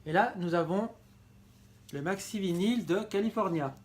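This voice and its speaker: A man with a slightly high voice walks through his record collection in a relaxed home-video manner. He talks with eager affection, repeating words and stopping to correct himself. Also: normal speed. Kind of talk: casual show-and-tell vlog.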